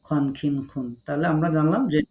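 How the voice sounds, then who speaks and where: Male recitation teacher, fairly high gravelly voice, patient and coaxing with online students. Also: level tone, darkish tone. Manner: patient, coaxing, repeats syllables slowly. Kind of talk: online class, calling on students to read.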